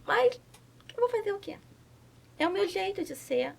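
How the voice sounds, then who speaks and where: A woman's voice: extremely high pitch, expressive, normal speed, vocal fry, a little hiss or hum. A woman on a podcast talking in an earnest, encouraging way, often asking others to agree. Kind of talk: casual podcast chat.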